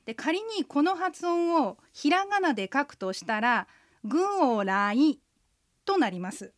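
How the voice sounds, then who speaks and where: A woman, an interpreter guide, co-hosting a radio language lesson and leading the listeners through patient, clear pronunciation drills. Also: high-pitched, expressive, moderate pace, no room sound, studio quality.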